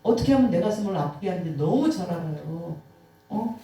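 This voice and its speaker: A woman's voice: on the low side, fairly quick. A woman preacher giving an emotional testimony sermon, telling stories vividly with sighs and acted-out quotes. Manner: animated storytelling, acting out quotes, sighing. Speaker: guest preacher. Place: church sanctuary. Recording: echoey hall from far off.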